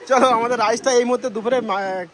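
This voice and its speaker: A man narrating a casual travel vlog outdoors by a mountain river, chatty and excited as he talks to his viewers. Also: very high-pitched, rapid-fire, noisy background. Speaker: travel vlogger.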